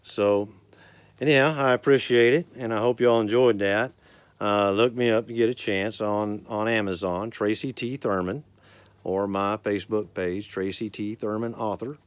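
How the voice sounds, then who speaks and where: Smooth, low-voiced cowboy storyteller man. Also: fairly even intonation, dry recording. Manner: folksy, unhurried storyteller. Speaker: cowboy poet and author. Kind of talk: cowboy poetry recital and casual folksy talk.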